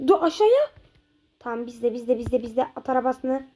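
A woman streaming a football video game, reacting excitedly, shouting at her players and drawing out goal calls. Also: a little high, normal speed, slight background noise. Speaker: gameplay streamer. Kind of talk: live football game commentary.

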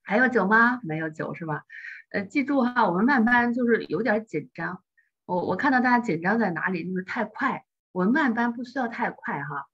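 A woman's voice: medium pitch, expressive, a little fast, fairly bright tone, breathy edge, muffled recording. A woman teaching English in an online class, patiently correcting pronunciation over a video call.

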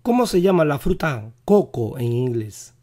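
A male teacher running a vocabulary quiz lesson, repeating each English word slowly and carefully, his voice not fully recovered. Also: mid-range voice, big pitch swings, dark tone.

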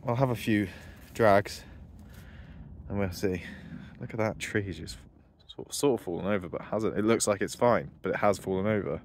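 Out on his farm near a ditch and fields, a man narrates a casual vlog while walking, chatting and musing aloud. His voice is fairly low and his pace normal, with a slight hiss or hum in the recording.

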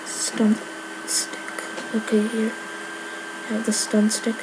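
A woman's voice: on the high side, completely flat delivery, takes it slowly, noisy background. A woman giving casual gameplay commentary, rambling with lots of filler words. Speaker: gamer.

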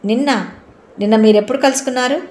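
A woman voicing a proud young woman who speaks quietly but firmly, in a roomy recording. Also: medium pitch, moderate pace, natural voice. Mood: stern. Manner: quietly firm, questioning. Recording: roomy echo.

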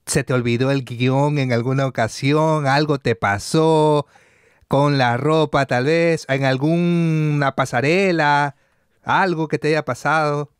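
A man from Ecuador with an Ecuadorian Spanish accent, hosting a podcast and asking a guest quick follow-up questions in casual chat. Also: fairly high pitch, fairly even intonation, clean tone, no room sound, studio quality. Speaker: podcast host.

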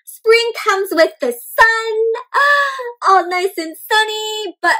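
A young adult storyteller reads a children's picture book in an extremely high voice, going slowly, with background noise audible. She addresses the little listeners as friends, asks them questions, and hams it up with gasps and drawn-out words in a room full of houseplants.

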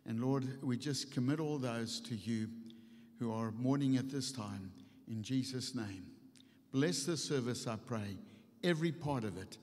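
A man's voice: mid-range voice, unhurried, darkish tone. An older man, a pastor, leading an earnest public prayer in unscripted, repeating phrases. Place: church stage at a lectern, indoors. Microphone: microphone on a stand at the lectern. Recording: long hall reverb.

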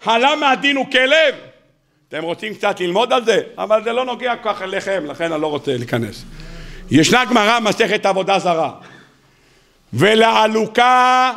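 A rabbi in full flow before his congregation, his voice sitting high for a man. He teases the listeners, fires questions at them and answers them himself, and he mimics the people he quotes in a mocking tone. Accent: Israeli Hebrew. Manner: animated, joking, asks the audience questions and answers them himself; acts out quoted speakers in a raised, mocking voice. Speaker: rabbi giving a weekly sermon. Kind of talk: lively Torah sermon to a congregation. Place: synagogue or study hall before an audience.

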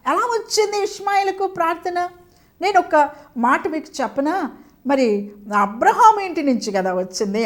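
A woman preacher with a Telugu accent delivers a spirited sermon in a high voice. She keeps asking her listeners questions and calls out for hallelujah.

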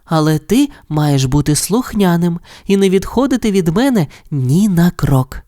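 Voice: mid-range voice, expressive, moderate pace, warm tone, voice pushed up, lightly acted. Narrator voicing a caring mother dog. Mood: gentle. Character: gentle, careful mother dog. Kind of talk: storybook character voice.

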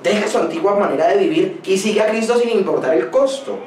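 Man, pastor, sermon, high voice, emphatic rhetorical questions, personal anecdotes, distant mic, roomy echo, faint noise. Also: fast, darkish tone.

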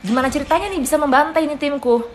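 A woman streaming a mobile game with excitable, chatty commentary, swearing and calling out to her viewers while fighting a cold and cough. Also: high-pitched, rapid-fire. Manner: excitable, chatty, swears, keeps saying "guys". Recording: noisy background.

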